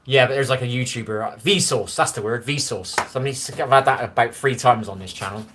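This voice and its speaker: A man's voice: mid-range voice, a little fast, background noise. Man, Bristolian West Country accent, mid voice, rambling and chatty live-streamer on a phone. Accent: Bristolian West Country English. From Bristol, England. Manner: rambling, chatty, easily amused. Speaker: livestreamer. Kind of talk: casual live-stream chat reading comments. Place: his own room, lights low.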